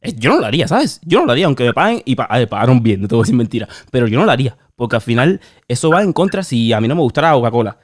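A Cuban man co-hosting a casual chat about YouTube, animated, repeating words and using many fillers. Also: mid-range voice, very fast, hardly any pauses, no echo, studio quality. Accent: Cuban Spanish. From Cuba. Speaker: YouTuber co-host.

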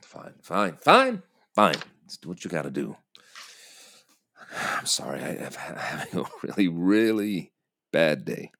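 A man acting as a frazzled airline customer at the end of his patience in a comedic drama. His lowish voice swings widely as he stammers, halting and exasperated. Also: huge pitch swings, bright, forceful tone, full character voice. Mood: panicked, exasperated. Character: anxious, frazzled divorced male airline passenger at breaking point.

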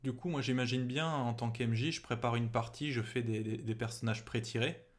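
A man's voice: mid-range voice, steady tone, a little fast. A man interviewing a guest in casual chat, chatty, with hesitant restarts. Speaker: interviewer, game master.

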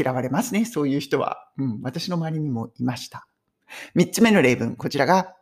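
A Japanese woman teaching English phrases in a chatty, animated way, mixing in personal stories. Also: low-pitched, breathy edge. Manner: chatty, animated storytelling with laughs. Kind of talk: casual English lesson.

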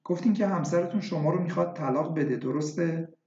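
A man reading a story voices a doctor who asks measured, probing questions. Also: fairly high pitch, a little mellow, natural voice. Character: calm questioning male doctor. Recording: echoey, dull lo-fi recording.

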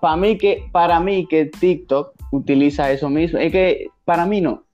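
A young man with a Dominican accent talks casually in a slightly high voice. He explains things in a slangy, animated way, using examples, with soft music in the recording. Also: moderate pace, muffled recording. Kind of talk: casual chat.

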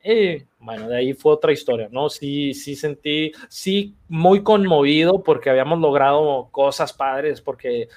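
A middle-aged man with a Mexican accent, an athlete guest retelling his career in a casual, slangy, animated way. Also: fairly high pitch, unhurried, few pauses. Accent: Mexican Spanish. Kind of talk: casual interview storytelling.

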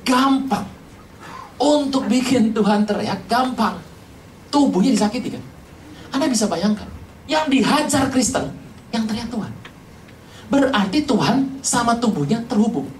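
An animated preacher delivers a joking sermon, throwing question after question at the congregation with a voice that swings widely up and down. The sound is roomy and caught from some distance off the mic, as in a big church hall. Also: medium pitch, a little slow, pauses often, slight background noise. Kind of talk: lively humorous sermon.

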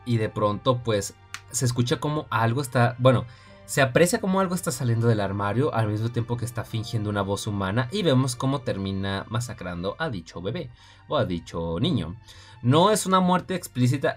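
A man with a Mexican accent hosting a casual film review podcast, talking chattily and often addressing his listeners directly. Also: mid-range voice. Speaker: podcast host.

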